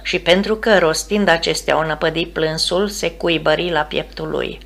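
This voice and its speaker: A woman reads a novel aloud as an audiobook narrator, steady and measured. Her voice sits low, with a gravelly, creaky texture. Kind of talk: scripted narration.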